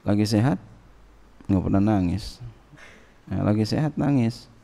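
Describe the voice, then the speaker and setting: A middle-aged man, teaching a sermon from a classical Islamic text and translating Arabic phrases slowly into casual speech. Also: fairly low pitch, vocal fry, warm tone. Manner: reads Arabic phrases then translates them slowly, with casual Jakarta slang asides. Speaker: religious teacher.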